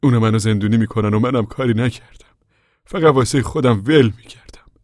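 A man voicing a stubborn male preacher who gives urgent commands in a husky voice. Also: mid-range voice, a little mellow, dry recording, clean studio sound, voice pushed up, close to an everyday voice.

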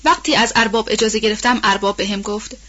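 A woman's voice: medium pitch, a bit bright, dull audio, lightly acted. A woman voicing an anxious, gossipy old household nanny woman in an audiobook, talking in a rambling, colloquial way. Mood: worried. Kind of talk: audiobook role-play reading.

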